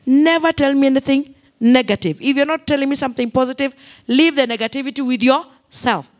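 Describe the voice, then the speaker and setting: A woman's voice: sits high, fairly quick. A Kenyan woman pastor preaching a sermon, repeating key phrases, mixing English with Swahili and calling for responses from the congregation.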